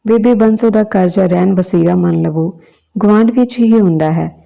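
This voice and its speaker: A woman narrating a village story in a steady, plain way. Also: medium pitch, moderate pace, creaky.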